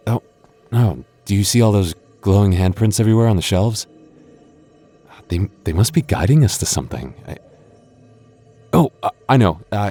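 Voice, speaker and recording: A voice actor with a low, warm voice plays a playful, teasing young goth boyfriend in an ASMR roleplay. He often stammers and chuckles.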